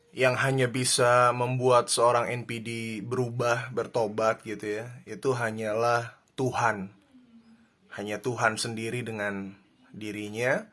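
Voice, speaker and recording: Bright-voiced man giving calm advice. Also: mid-range voice. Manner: calm, reflective, many fillers and restarts. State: married. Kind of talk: casual advice talk.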